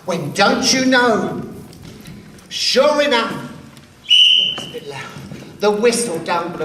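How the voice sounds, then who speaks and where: A man's voice: a little high, pushed and bright, heavily acted. An actor playing a seasoned, sassy drag queen who tells a story in a campy, drawling, streetwise way on stage. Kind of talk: stage monologue. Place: live performance stage. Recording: echoey hall, distant mic, faint noise.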